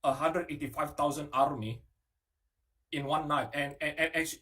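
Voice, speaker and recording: A man's voice: on the high side, fairly even intonation, normal speed, bright, forceful tone. A man in a casual online debate, stammering and repeating words as he argues. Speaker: caller.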